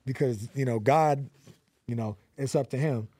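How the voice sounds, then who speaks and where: Brief: mid-twenties male rapper from LA, warm mellow tone, dry close mic, slangy and earnest. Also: mid-range voice, moderate pace, slightly rough, no room sound. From Los Angeles. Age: 20s. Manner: slangy, repeats fillers, earnest. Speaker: rapper guest. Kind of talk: casual interview.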